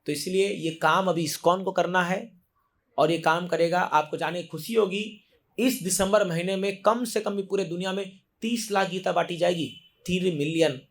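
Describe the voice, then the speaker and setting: A man's voice: high-pitched, fairly even intonation, normal speed. A man giving a sermon to devotees, exhorting them emphatically, repeating key phrases and mixing English words into his Hindi. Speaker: temple preacher.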